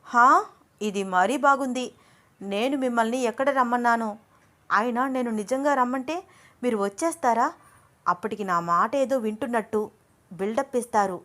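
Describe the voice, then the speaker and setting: A woman's voice: moderate pace, pauses often, a bit bright, no echo, lightly acted. A woman voicing a young woman in love who is agitated and fiery, in an audio story. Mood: startled. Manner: shrill, agitated pleading.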